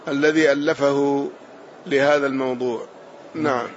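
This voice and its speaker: A man teaching a religious lesson, explaining texts calmly and confirming points with short acknowledgements. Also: medium pitch, normal speed, lo-fi sound, slight background noise. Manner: calm explanatory glosses, affirming with short acknowledgements.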